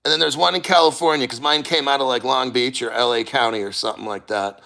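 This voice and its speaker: A middle-aged man hosting a casual livestream, chatting in a rambling, halting, sweary way and reading out comments. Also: medium pitch, steady tone, vocal fry, bright, forceful tone. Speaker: crypto livestream host.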